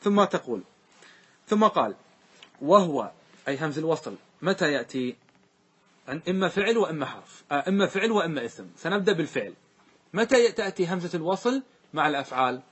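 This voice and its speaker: A man's voice: fairly high pitch, very animated, fast talker, pauses often, a bit bright, breathy edge. A man teaching a grammar lesson, asking the class questions and repeating the answers to them. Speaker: teacher explaining grammar verses.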